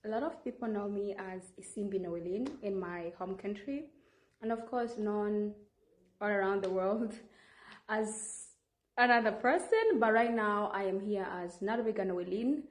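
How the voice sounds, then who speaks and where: A Rwandan vlogger with a Rwandan accent makes an earnest, insistent public appeal straight to camera, often restarting her sentences. Her mid-range voice moves at a measured pace in an echoey room.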